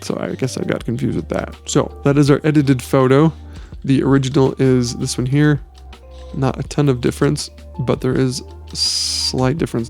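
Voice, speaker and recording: A man hosting a software tutorial, walking through photo editing step by step in a relaxed way. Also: mid-range voice. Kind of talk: screen-recorded software tutorial. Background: faint background music.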